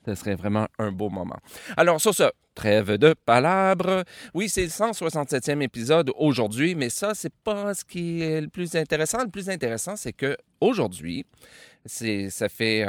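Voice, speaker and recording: A man from Quebec with a Québécois French accent, hosting a music podcast in a relaxed, rambling way, with many filler pauses. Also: medium pitch, dry recording, clean studio sound. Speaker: podcast host. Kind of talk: casual radio-style show introduction. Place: outdoors by a river.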